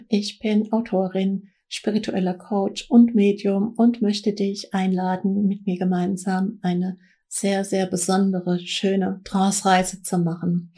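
A woman leading a guided meditation as a spiritual coach, gently instructing in a soothing, unhurried way with pauses. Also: medium pitch, flat delivery.

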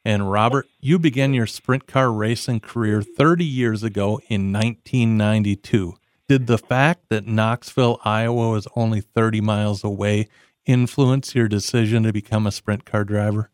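A man's voice: lowish voice, fairly even intonation, moderate pace, no room sound. A man hosting a radio show, introducing guests and interviewing them.

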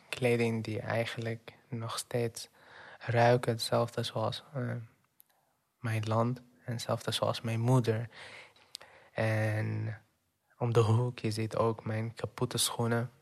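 A young man from Syria speaks slowly and haltingly, pausing often and slipping in English words. His voice is gravelly with a flat, even melody. He stays sober and low-key as he tells of what happened. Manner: halting, with many pauses and fillers, dropping in English words. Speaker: refugee telling his story. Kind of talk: personal testimony.

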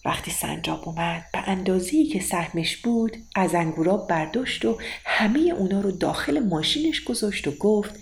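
Woman storyteller, bedtime tale, gravelly tone, faint background noise. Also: mid-range voice, lively intonation, hardly any pauses.

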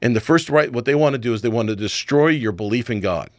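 A man's voice: medium pitch, expressive, fast talker, no echo, studio quality. A man hosting a talk radio show, ranting emphatically and firing off rhetorical questions. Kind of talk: opinionated talk radio chat.

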